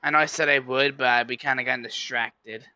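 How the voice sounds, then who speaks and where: A man streams and chats casually with his viewers, rambling, correcting himself mid-sentence, and talking straight to chat. His mid-range voice is brisk, pushed and bright, with fairly even intonation and a clear, resonant tone, and there's no room sound.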